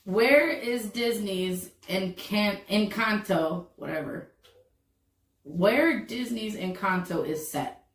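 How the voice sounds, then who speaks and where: A woman's voice: mid-range voice, animated, takes it slowly. A woman co-hosting a podcast, chatting casually and laughing easily while reading trivia questions aloud. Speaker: podcast co-host. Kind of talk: casual chat, trivia game. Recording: roomy echo, distant from the mic.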